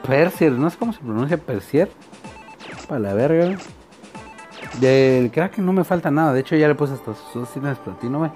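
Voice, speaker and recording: A young man, reading a game's story out loud with blunt, slangy asides. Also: mid-range voice, expressive, normal speed, faint music behind. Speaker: gameplay video creator. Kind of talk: reading game dialogue and casual asides.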